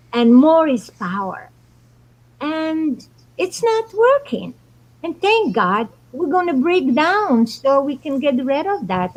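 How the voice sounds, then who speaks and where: Woman from Morocco, higher voice, slow earnest astrology host. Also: darkish tone, rough recording. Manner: earnest, unhurried spiritual explaining. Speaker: show host. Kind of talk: casual astrology talk.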